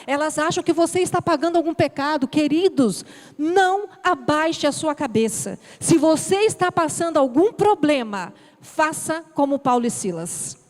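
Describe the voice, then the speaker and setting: A woman's voice: high-pitched, a little mellow. A Brazilian woman preaching a sermon in a church, telling an emotional personal testimony and acting out her prayers. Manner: emotional storytelling with quoted prayers. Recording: church hall reverb.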